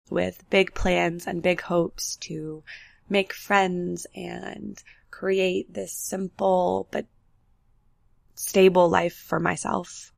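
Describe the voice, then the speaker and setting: Recorded dry with studio quality in an apartment where road noise is audible outside, a young woman shares personal stories on a solo reflective podcast. Her voice is lowish and creaky, a touch nasal from the flu, and her delivery is candid and relaxed.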